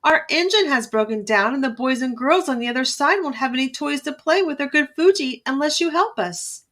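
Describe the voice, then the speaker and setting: Tiny toys pleading for help, done by a woman reader: polite, earnest, high voice. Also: lively intonation, brisk, fairly bright tone. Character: pleading little dolls and toys.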